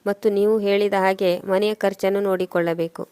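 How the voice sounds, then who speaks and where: A woman's voice: medium pitch, level tone, brisk, warm tone, clean tone, no echo, close to an everyday voice. A woman voicing a worn-out young housewife who pleads and defends herself in storytelling narration. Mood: defensive.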